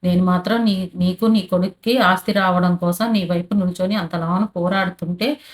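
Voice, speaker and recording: Scheming, taunting middle-aged aunt; a woman reads her plainly, fairly low voice. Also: fairly even intonation, moderate pace, close to an everyday voice. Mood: needling. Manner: taunting, complaining.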